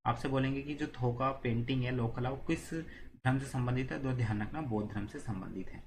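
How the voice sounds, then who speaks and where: A man's voice: mid-range voice, brisk, noisy background. A man giving an exam-prep lesson, explaining with repetitive, playful memory tricks. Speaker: teacher.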